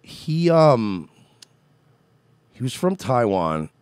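A man in his thirties co-hosts a podcast from a home studio with a red curtain, chatting casually, telling stories and imitating people he's met. His mid-range voice has big pitch swings and drawn-out words, a little mellow and clean, with no room sound.

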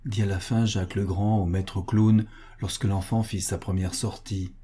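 A man reading a short story aloud in measured, expressive scripted narration. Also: fairly low pitch, slightly rough. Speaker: volunteer audiobook reader.

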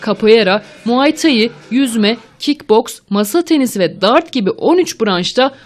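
A woman's voice: fairly high pitch, expressive, measured pace. A woman reading scripted narration for a television news feature as the reporter.

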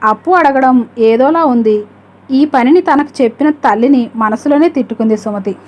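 A woman telling a story as an audiobook, reading at a steady, measured rate. Her voice is notably high and clear throughout. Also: muffled recording. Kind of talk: audiobook narration.

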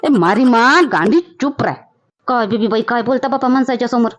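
A woman playing a loud, scolding village woman with a Varhadi accent, exclaiming at the people around her. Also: fairly high pitch, fairly quick, highs cut off, close to an everyday voice. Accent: Varhadi Marathi.

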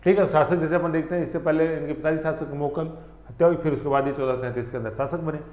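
A man's voice: fairly high pitch, steady tone, fast, a little mellow. A man teaching an exam-prep history lesson, playful and teasing as he quizzes his students. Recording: echoey room, slightly dull sound.

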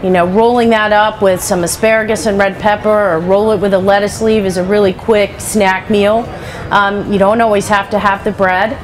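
A middle-aged woman chef, wearing a headset mic, gives a live cooking demo on a trade show stage with slight background noise. Her medium-pitched voice is steady and moderately paced, and her practical, chatty delivery is full of "you know" asides.

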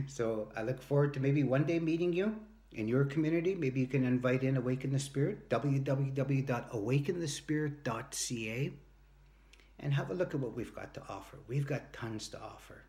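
A dark-toned, mid-range male voice speaks at a moderate pace. The man, in his early fifties, is a motivational speaker and workshop leader, emphatic and earnest as he tells anecdotes to the camera and acts out short quoted exchanges. The setting is a home room with a sloped ceiling, captured by a phone or device at arm's length.

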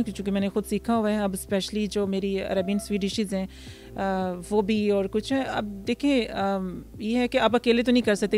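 A woman in her thirties from Pakistan, a restaurant founder answering interview questions outdoors into a handheld mic, pausing often with fillers. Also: mid-range voice, a little mellow. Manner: hesitant, many fillers, mixes English words. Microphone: handheld mic held by interviewer.

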